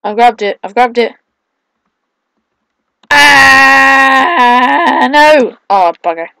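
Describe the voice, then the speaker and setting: A woman doing excitable, casual let's play commentary, mixing drawn-out exclamations with quieter asides. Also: medium pitch, a little hiss or hum. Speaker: gaming video host.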